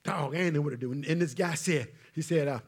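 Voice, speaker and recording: Husky high-voiced man preaching. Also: fast. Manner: call-and-response preaching, swings from loud to hushed. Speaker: pastor. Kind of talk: sermon. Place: church.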